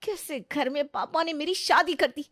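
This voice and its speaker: Woman voicing a shrill spoiled young bride. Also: normal speed, a bit bright, dry recording, clean studio sound. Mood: whiny complaining. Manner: shrill and complaining. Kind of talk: cartoon voice acting.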